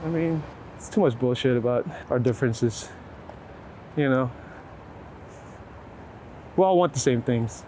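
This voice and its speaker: This middle-aged man, a photographer in an interview, has a medium-pitched, dark voice. Outdoors in the city, with vehicles and street ambience audible, he reflects casually, stumbling through filler words and rephrasing himself frequently.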